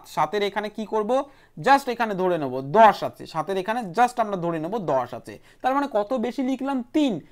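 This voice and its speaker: A woman teaching an online math class for an entrance exam in a brisk way, repeating each step and number aloud. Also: mid-range voice.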